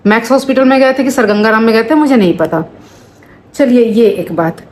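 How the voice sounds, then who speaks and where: A woman's voice: a little high, brisk, a little hiss or hum. A woman in her thirties, a family vlogger, explaining at length to camera in a casual, aggrieved way with many asides. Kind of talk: casual talking-to-camera vlog.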